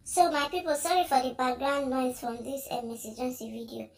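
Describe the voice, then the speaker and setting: Woman, Nigerian accent, high voice, chatty commentary, laughs often. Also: brisk. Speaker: social media commentator. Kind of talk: casual commentary in Pidgin.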